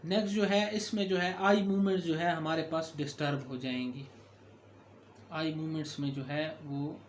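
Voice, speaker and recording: Man, somewhat high voice, medical lecturer, explanatory delivery with fillers, faint background hiss. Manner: explanatory, with frequent fillers and self-corrections. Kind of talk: recorded lecture.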